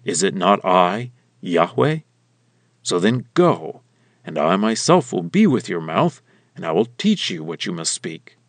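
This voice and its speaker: A man voicing a stern, commanding male god in a slow, weighty scripture reading. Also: low-pitched, very animated, no echo, pitched below the performer's own voice, exaggerated voice.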